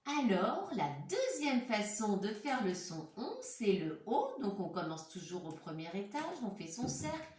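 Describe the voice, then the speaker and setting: A woman's voice: mid-range voice, very animated, a little slow, darkish tone, far from the mic. A woman teacher patiently walking young children through a handwriting lesson step by step, recorded at home. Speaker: primary school teacher. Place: room at home. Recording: echoey room, voice set back from the mic.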